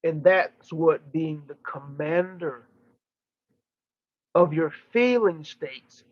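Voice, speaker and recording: A man speaking as a channeling medium, giving spiritual teaching in emphatic, formal phrases broken by deliberate pauses and repetition. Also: fairly high pitch, muffled recording. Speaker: channeler giving a live session.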